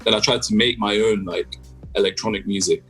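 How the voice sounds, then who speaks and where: A man's voice: fairly low pitch, steady tone, fairly quick, a bit bright, husky, soft background music. A young man from the UK, a guest musician on a video call, talking in a laid-back way with lots of fillers. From United Kingdom. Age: young adult. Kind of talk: casual video-call interview.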